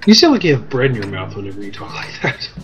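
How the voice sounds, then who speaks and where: A man's voice: medium pitch, big pitch swings, fast. Dry-teasing gamer man calling plays. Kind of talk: casual gameplay chat. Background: game music and tank sounds.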